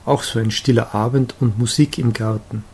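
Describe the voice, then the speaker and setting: A man reading a gentle, cheerful young woman's chatty, confiding lines in an audiobook of a romantic novella. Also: medium pitch, steady tone, moderate pace, husky. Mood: fond.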